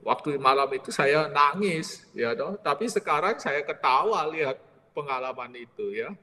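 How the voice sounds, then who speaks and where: A man in his forties, a priest leading a retreat, telling a personal story in a lively way and tagging his sentences with "ya". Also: a little high, normal speed, in a large hall.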